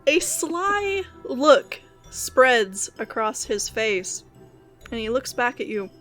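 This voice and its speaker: A woman's voice: a little high, sing-song, takes it slowly, fairly bright tone, faint music behind. Brief: a woman running a tabletop game, vivid narration, light and playful. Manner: descriptive and playful, laughs often. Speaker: game master.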